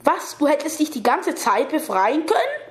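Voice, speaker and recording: A woman's voice: high voice, lively intonation, moderate pace, darkish tone. A woman voicing a brave, wary young female mage who stammers when startled, recorded in an echoey room.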